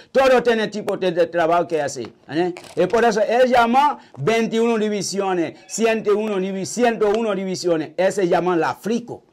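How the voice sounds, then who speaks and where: Older Haitian-accented man, high-pitched, halting and repetitive; vodou priest being interviewed. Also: a little mellow. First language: Haitian Creole. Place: small indoor shrine room.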